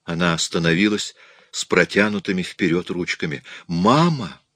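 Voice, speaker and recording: A man with a very deep voice narrates a story in a measured, steady way. The recording is dry and close, with no room sound. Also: no echo. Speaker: audiobook narrator. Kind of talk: scripted narration.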